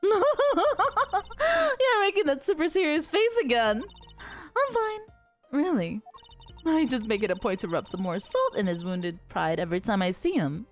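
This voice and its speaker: A woman's voice: sits high, big pitch swings, unhurried, faint music behind, pitched above the performer's own voice. A woman voicing a cheerful, mocking young woman who giggles and teases while reading a game aloud. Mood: teasing. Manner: giggly, teasing.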